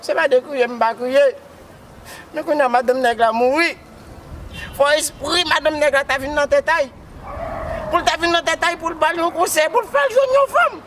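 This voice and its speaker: A man's voice: extremely high pitch, moderate pace, noisy background. A man with a Haitian accent playing a grief-stricken widower who sobs, wails and keeps calling out to Jesus. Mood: grieving. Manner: repeats words, cries out to Jesus. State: wailing and sobbing. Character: grief-stricken man mourning his dead wife.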